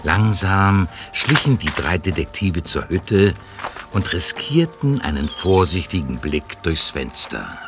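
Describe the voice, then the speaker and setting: A man's voice: deep voice, very animated, slow, music in the background, exaggerated voice. A man narrating a detective mystery audio drama as a scripted storyteller. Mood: measured, suspenseful.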